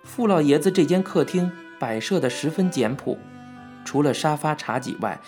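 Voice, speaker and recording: A man reading a novel aloud as an audiobook narrator, in a measured, even storytelling manner. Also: on the high side, faint music behind. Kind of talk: scripted narration.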